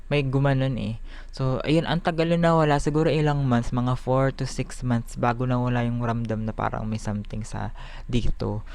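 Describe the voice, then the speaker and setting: A Filipino vlogger chatting casually in Taglish, giggly and animated, talking with missing front teeth. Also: mid-range voice, moderate pace, gravelly. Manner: talks with missing front teeth after an extraction; Taglish, mixing English phrases into Tagalog. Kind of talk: casual chatty daily vlog.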